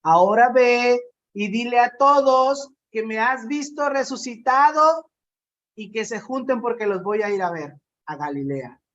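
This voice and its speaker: A preacher voicing Jesus as a calm male teacher, plainly and gently spoken. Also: mid-range voice, measured pace, highs cut off, lightly acted. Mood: gentle.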